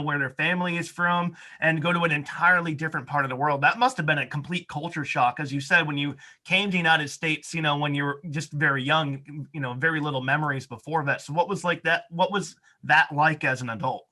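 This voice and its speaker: Bright-voiced easygoing male show host. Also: on the high side, brisk, few pauses. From Maine. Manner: easygoing, chatty, many fillers. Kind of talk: casual interview.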